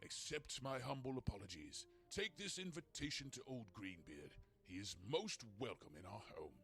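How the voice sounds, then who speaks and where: A man's voice: mid-range voice, very animated, moderate pace, fairly bright tone, soft background music. An actor voicing a humbled male noble host in a video game, speaking in a formal, apologetic way.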